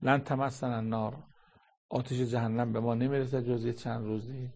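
A man's voice: medium pitch, little pitch movement, darkish tone. A man giving a Quran commentary sermon, reciting Arabic verses and firing rhetorical questions at his listeners.

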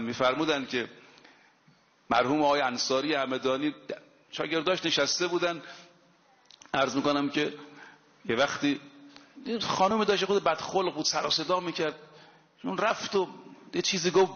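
A man's voice: a little high, fairly bright tone. A man preaching a sermon, telling stories with emphasis and quoting Arabic scripture. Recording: long hall reverb, dull lo-fi sound.

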